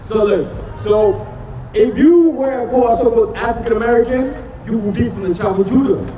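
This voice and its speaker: A man preaching on a city street, loud and emphatic, quizzing passers-by with questions. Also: very high voice, moderate pace, lo-fi sound. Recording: distant, echoey street recording with music.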